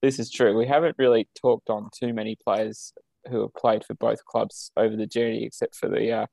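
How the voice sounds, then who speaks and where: A man's voice: on the low side, level tone, normal speed, vocal fry, dark tone, no room sound. An Australian man co-hosting a podcast over a video call, chatting casually with lots of ums and uhs. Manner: easygoing, many ums and uhs, chuckles. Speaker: podcast co-host. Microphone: video call setup.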